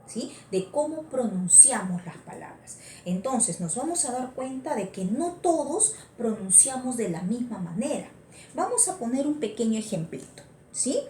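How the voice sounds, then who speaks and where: Peruvian woman teacher, Lima accent, lively pitch, mellow tone, roomy echo, keeps asking students questions. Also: a little hiss or hum. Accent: Lima Peruvian Spanish. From Peru. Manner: asks frequent check-in questions. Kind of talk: online class lecture.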